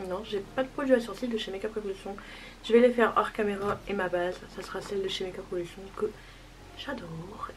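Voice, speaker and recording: A woman's voice: mid-range voice, slight background noise, poor audio. A young woman chatting casually through a makeup tutorial, self-deprecating and talking while she applies products. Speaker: beauty vlogger.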